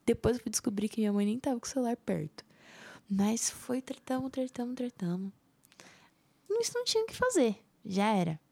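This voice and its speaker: A young woman with a Brazilian Portuguese accent telling a personal story in a casual vlog, animated and dropping into whispers for emphasis. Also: on the high side, brisk, gravelly, no room sound. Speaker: vlogger.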